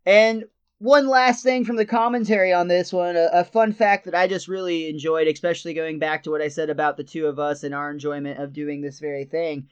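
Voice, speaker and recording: A man's voice: on the high side, steady tone, fairly quick, clean tone. A man co-hosting a podcast, casually reviewing a cartoon episode, retelling scenes in detail with frequent chuckles. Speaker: podcast co-host. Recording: slightly dull lo-fi sound.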